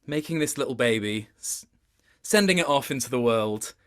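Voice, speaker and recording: With a mid-range voice and lively intonation, a man discusses his voice acting in an informal interview, pausing to think and repeatedly interrupting himself.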